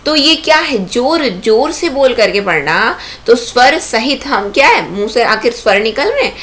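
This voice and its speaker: A woman's voice: on the high side, fairly bright tone. A woman teaching an exam-prep lecture, explaining step by step and asking herself rhetorical questions.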